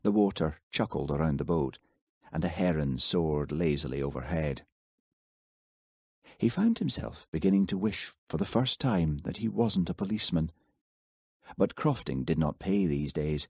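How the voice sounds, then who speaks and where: Reading an audiobook, a man narrates a script at a calm, even pace. His voice is very deep with a slight husk, and the recording is close and dry with no sense of the room at all.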